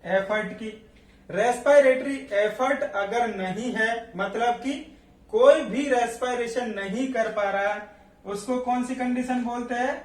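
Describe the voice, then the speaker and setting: A man teaching a nursing class as a lecture, asking questions and then answering them himself. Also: very high-pitched. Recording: echoey room, voice from a distance.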